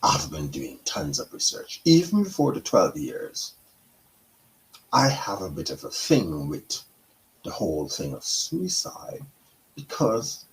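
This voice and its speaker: A middle-aged counselor from Guyana talks through a reflective monologue. His voice sits very low but moves a lot in pitch, lively and rising, and he takes his time. He pauses often and corrects himself mid-sentence. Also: a little hiss or hum, poor audio. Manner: slow, deliberate, with pauses and self-corrections. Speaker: counselor and show host. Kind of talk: reflective monologue on a talk show.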